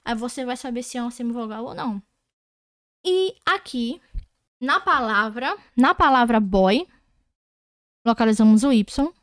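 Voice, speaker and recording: Brazilian woman, grammar teacher, high-pitched, dry recording, patient and repetitive. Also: expressive, no room sound. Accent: Brazilian Portuguese. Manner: patient, repeats words slowly and asks if students follow. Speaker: Portuguese teacher. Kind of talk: online grammar lesson.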